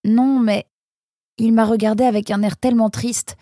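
A man doing a soft-hearted young fox. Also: high voice, little pitch movement, normal speed, no echo, studio quality, voice pushed up, lightly acted. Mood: pleading. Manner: pleading, indignant. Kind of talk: storybook reading.

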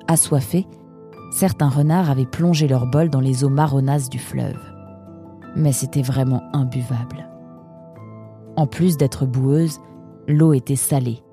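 Female audiobook narrator, low and mellow, measured and even, over soft music.

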